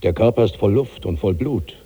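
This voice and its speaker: On an old 1960s German radio drama recording, a male actor plays a huge, heavy old man tormented by bottomless hunger, repeating lines in a declamatory, incantatory way. His lowish, slightly rough voice is animated at a moderate pace, with a heavy, sated mood, muffled sound and long hall reverb.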